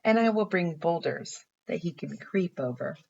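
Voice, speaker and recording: A woman's voice: fairly low pitch, lively intonation, normal speed, creaky, a little mellow, a little hiss or hum. A woman reads as an earnest young boy in a bedtime storybook, full of imaginative plans. The recording is a little dull and muffled. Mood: eager. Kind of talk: bedtime story read aloud.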